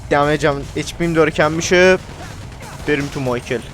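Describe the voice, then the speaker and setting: A man's voice: on the high side, fairly bright tone, faint music behind. A man giving casual gameplay commentary, slangy and playfully repeating phrases. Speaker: gamer playing and commenting.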